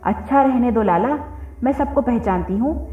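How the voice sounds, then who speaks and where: A woman voicing a fierce, quarrelsome middle-aged village wife who scolds in a shrill, combative voice. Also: moderate pace, natural voice. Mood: angry scolding. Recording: phone-like roomy audio with faint music.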